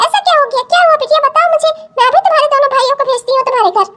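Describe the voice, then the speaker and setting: A woman voicing an older cartoon mother who rushes to defend her daughter. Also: very high-pitched, pushed and bright, pitched above the performer's own voice. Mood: worried. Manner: fussing, indignant, quick.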